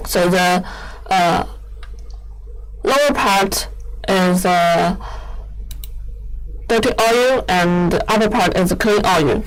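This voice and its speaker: Female product demonstrator, smooth clear tone, very slow delivery, halting non-fluent English, explanatory. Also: on the low side, rough recording. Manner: halting, hesitant phrasing with repeated words. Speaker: equipment company presenter giving a machine demo.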